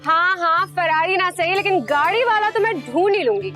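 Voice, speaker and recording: बेबाक और चुलबुली जवान लड़की, जो सबको छेड़ती रहती है। उसकी आवाज़ बहुत ऊँची है। पीछे संगीत साफ़ सुनाई देता है।. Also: female voice, extremely high pitch, expressive, normal speed, over loud music. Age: young adult. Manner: teasing, cheeky. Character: brash outgoing young woman wanting a car-owning groom. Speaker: lead character. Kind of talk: TV drama acting.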